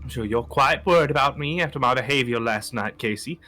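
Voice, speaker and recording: A man's voice: medium pitch, fairly quick, bright, forceful tone, faint music behind, lightly acted. A man voicing a polite, proper male cat who speaks in a formal, genteel way in a fan voice drama. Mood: apologetic.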